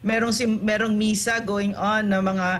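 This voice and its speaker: A woman's voice: mid-range voice, flat delivery, unhurried. A woman political commentator in an online interview, talking indignantly and firing off rhetorical tag questions.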